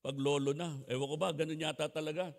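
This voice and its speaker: An older man with a Filipino accent preaching a sermon in an animated way, moving between homely storytelling and shouted exhortation. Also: fairly high pitch, fast talker, big-room sound. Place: church hall.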